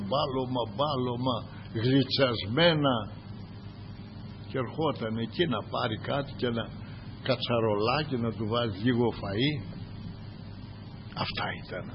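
An older man preaching a sermon, swinging from loud exhortation to softly murmured praise asides. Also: medium pitch, lo-fi sound, noisy background.

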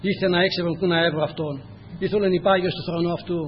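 Guy preaching in a church, pretty high voice, long echo, kinda dull lo-fi sound. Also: steady tone, slight background noise. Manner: repetitive exhortations, direct address to listeners. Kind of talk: sermon with scripture reading.

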